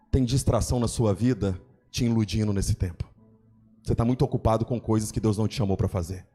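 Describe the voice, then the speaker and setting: A man preaching a sermon as pastor, building fervently into shouts. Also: lowish voice.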